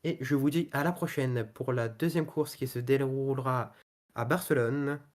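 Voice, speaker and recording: A man's voice: mid-range voice, steady tone, normal speed, darkish tone. A man commentating on a motor race in a loosely improvised way, often hesitating as he searches for words. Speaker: motorsport commentator and host of a racing league show.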